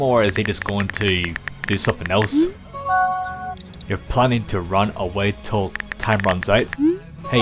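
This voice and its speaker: Casting: lower-voiced man, casual reader of a fan chat story, switching between character lines and quick asides, loud music underneath. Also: low-quality recording. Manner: voices each character in turn, reacts with running asides. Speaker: reader of a texting story video. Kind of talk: reading a chat story aloud with commentary. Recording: loud music bed behind the voice.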